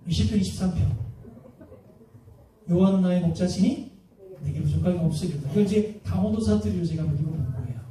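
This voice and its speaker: Male pastor, high voice, mellow tone, lively preaching, heavy hall echo, mic set back. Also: fast. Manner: lively, keeps asking the congregation questions. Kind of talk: sermon. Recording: very echoey hall, mic at a distance.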